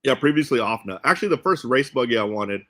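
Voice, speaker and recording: A man's voice: mid-range voice, lively intonation, quick pace, bright, forceful tone. A man hosting a casual livestream, talking to viewers in a rambling way and often restating his phrases. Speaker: host of an RC car channel. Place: indoors in a cluttered warehouse.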